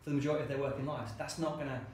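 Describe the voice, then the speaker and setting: A mid-range, slightly mellow voice holds a steady tone while racing along: this is the founder of a co-working space, telling chatty stories in an interview and acting out quoted lines. It was recorded in a very echoey room with a faint hiss.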